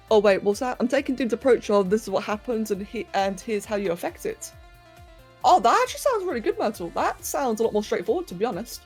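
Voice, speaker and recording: Her voice is a little high, a little mellow, and slightly rough as this young livestream host sculpts and chats casually. She reads chat, greets viewers, and laughs while talking to her pets.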